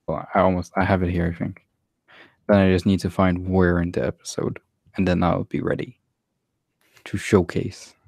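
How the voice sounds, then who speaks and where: Young guy, really deep voice, chill, lots of ums, dry sound. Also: little pitch movement, moderate pace, vocal fry, pauses often, a little mellow, dry recording. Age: young adult. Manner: laid-back, hesitant, many fillers. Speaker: podcast co-host. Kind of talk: casual chat.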